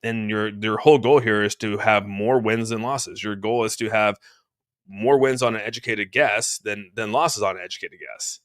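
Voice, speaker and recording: This man speaks at a normal speed in a lowish voice, hosting a crypto livestream in a room at home. Easygoing and prone to rambling, he discusses charts casually while answering chat, with slight congestion and plenty of "dude."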